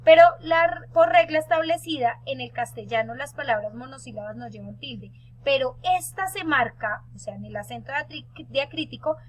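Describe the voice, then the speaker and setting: A woman's voice: sits high, normal speed. A woman teacher giving a recorded online lesson to her pupils, explaining step by step and checking in with her listeners.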